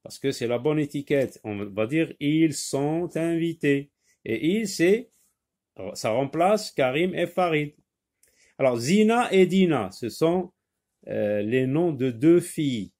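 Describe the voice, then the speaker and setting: A man teaching a reading lesson, slowly repeating each word and breaking it into syllables. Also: fairly high pitch, animated, a little mellow.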